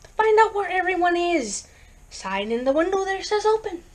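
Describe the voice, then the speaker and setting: A woman's voice: very high-pitched, big pitch swings, normal speed, slight background noise, voice pushed up. A woman reading a blunt, short-tempered husband. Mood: curt. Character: stubborn, short-tempered husband on a road trip.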